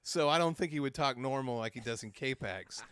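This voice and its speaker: Smooth easygoing man telling podcast stories. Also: medium pitch, normal speed, a bit bright, dry recording, studio quality. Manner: easygoing storyteller, swears casually. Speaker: podcast co-host. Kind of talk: casual comedic storytelling.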